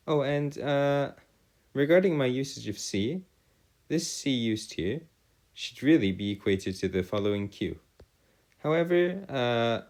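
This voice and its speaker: Working through calculus problems aloud for a video lesson, a male math tutor speaks with a medium-pitched, slightly mellow voice. His phrasing is formal and wordy, and he keeps correcting himself as he goes.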